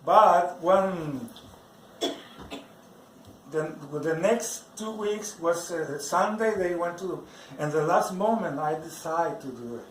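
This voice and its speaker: A man who is not a native English speaker tells his religious testimony slowly, stopping often to repeat and rephrase as he searches for words. His voice sits a little high and sounds set back from the mic in a roomy space. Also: animated, a little hiss or hum. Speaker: churchgoer giving a personal testimony. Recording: roomy, from some distance off the mic.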